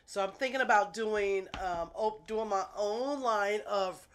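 An unhurried, mid-range voice comes from a nail artist vlogger who is sniffly and congested from illness. Indoors at her home nail desk, she unboxes nail gel and chats casually and self-amusedly with viewers she calls "y'all." Slight background noise is present.

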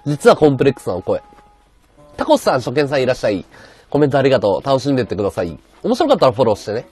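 Husky high-voiced male streamer, very animated. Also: racing, faint music behind. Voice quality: high-pitched voice. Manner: rough, blunt casual speech. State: sore throat. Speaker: livestreamer. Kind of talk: casual livestream chat reading viewer comments.

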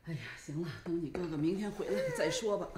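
A woman's voice: lowish voice, quick pace, close to an everyday voice. An actress playing a doting older grandmother who soothes a crying baby. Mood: soothing. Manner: cooing, soothing. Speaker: mother and grandmother. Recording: echoey room with crowd noise.

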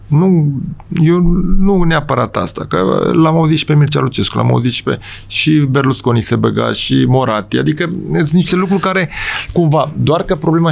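A middle-aged man, a football coach, talking in a casual podcast interview, emphatic and rambling with frequent restarts and quick check-ins with the host. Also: a little high, gravelly. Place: studio.

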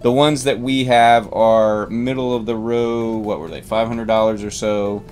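A man's voice: on the low side, fairly even intonation, measured pace, a little mellow, soft background music. A man in his forties, a boat captain hosting, giving a casual, rambling rundown of gear from inside a boat cabin, self-amused and easygoing. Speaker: boat captain and channel host.

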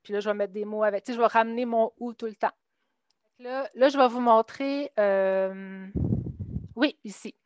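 At a teachers' meeting, a woman who teaches literacy to adult immigrants explains her reading lessons step by step in a Québécois French accent, acting out what she says to her students. Her voice is fairly high, a little mellow and steady, at a moderate pace. The sound is clean, with no echo.

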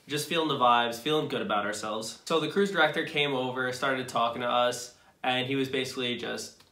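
A young man chats casually to camera as a vlog co-host, recounting stories with a relaxed, amused ease. He sits in a small indoor room, and his voice rings a little off bare walls. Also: medium pitch. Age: young adult. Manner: relaxed storytelling, laughs often. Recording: echoey room.

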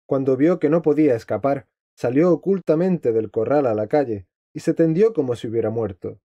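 Man doing a wise calm counselor telling a fable, formal, deep mellow tone, dry lo-fi sound. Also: normal speed, no room sound, close to an everyday voice. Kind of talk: storybook reading. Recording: dry, slightly dull lo-fi.

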